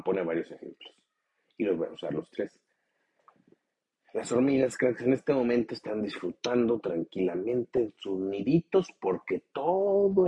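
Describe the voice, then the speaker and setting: Blunt, profane Mexican man, husky voice. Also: lo-fi sound. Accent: Mexican Spanish. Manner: blunt, profane, swings into high mocking voices. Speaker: podcast host. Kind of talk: motivational podcast talk.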